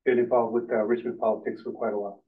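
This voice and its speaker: This is an older man at a public meeting, working through a list of his roles with many halting pauses. His voice is very flat and level. The sound is distant and narrow, almost like a phone line. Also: fairly low pitch. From Finland, raised in California. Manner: halting, many uhs, listing. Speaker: committee member, neighborhood council chair. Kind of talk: self-introduction at a public meeting.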